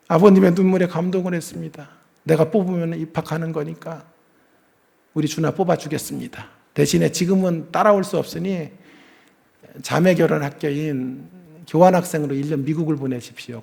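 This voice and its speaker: A middle-aged man from South Korea preaching at a revival meeting, telling a family story and acting out its dialogue, moving from hushed to loud. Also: fairly high pitch, gravelly. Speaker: pastor. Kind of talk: revival sermon.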